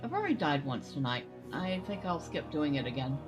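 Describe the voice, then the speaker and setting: A woman's voice: low-pitched, big pitch swings, fairly quick, lo-fi sound, over music. A woman streaming a game, chatting casually and answering her viewers between exclamations. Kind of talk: casual live-stream commentary.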